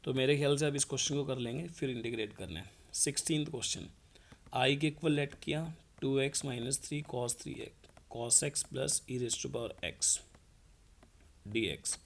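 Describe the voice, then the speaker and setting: A man's voice: mid-range voice, moderate pace. A man teaching a math lesson. He explains each step and asks the class questions, then answers them himself.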